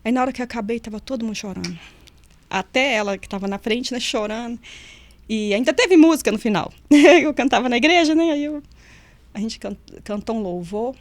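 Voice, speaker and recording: A middle-aged woman tells her memories as an interview guest, in a fairly high voice. She is a vivid storyteller who acts out the people she quotes. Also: lively intonation, brisk. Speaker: nutritionist and former prison officer, guest.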